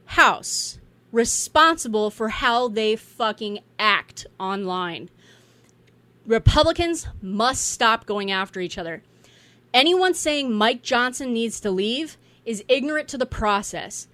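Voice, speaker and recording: A woman's voice: fairly high pitch, a bit bright, dry recording. Blunt, profane woman ranting about politics. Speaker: political commentator. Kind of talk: casual political rant.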